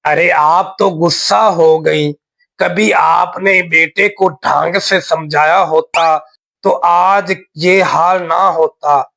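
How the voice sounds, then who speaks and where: An actor voicing a smug adult neighbor in a cartoon who boasts slowly and self-satisfiedly about his obedient son. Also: a little high, fairly even intonation, gravelly, sharp tone, full character voice. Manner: slow, self-satisfied, teasing. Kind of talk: cartoon voice acting.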